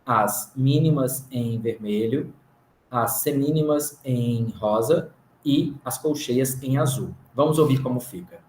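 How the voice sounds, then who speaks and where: Slow, patient Brazilian male music teacher. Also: medium pitch, darkish tone, a little hiss or hum. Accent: Brazilian Portuguese. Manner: counts beats aloud and chants rhythm syllables. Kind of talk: recorded music theory lesson. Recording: roomy recording.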